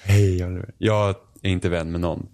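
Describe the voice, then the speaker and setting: Dry-voiced young Swedish man, low pitch. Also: steady tone, a little mellow. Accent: Swedish from Sweden, Finland-Swedish family background. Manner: dry, self-deprecating, talks in loose restarts. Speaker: podcast co-host. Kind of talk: casual chat.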